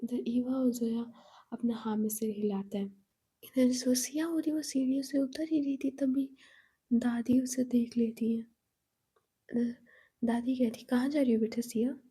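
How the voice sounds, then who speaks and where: A woman telling a story in a hushed, whispered way, halting and leaning on fillers. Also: fairly high pitch, slightly rough.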